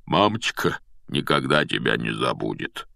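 A man voicing a big, gruff, sentimental gamekeeper who blusters and fusses, recorded dry and close. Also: on the low side, lively intonation, measured pace, no room sound. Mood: tearful hushed.

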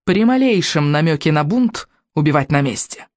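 A man's voice: on the high side, animated, normal speed, no echo, clean studio sound, close to an everyday voice. A man voicing a treacherous one-eyed villain king in an audiobook, with a sugary, gloating, mocking way of speaking. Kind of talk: audiobook character voice.

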